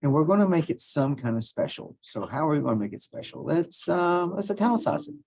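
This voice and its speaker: A man's voice: fairly high pitch, very animated, a little fast, vocal fry, darkish tone. A male teacher talking students through a computer task step by step, casual and thinking aloud as he clicks. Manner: step-by-step, talks while clicking. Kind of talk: screen-recorded software tutorial.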